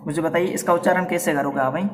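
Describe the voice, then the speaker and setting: A man's voice: on the high side, a little hiss or hum. Distant Rajasthani man teaching phonetics. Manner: repeats sounds slowly, addresses students as beta. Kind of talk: Hindi grammar class.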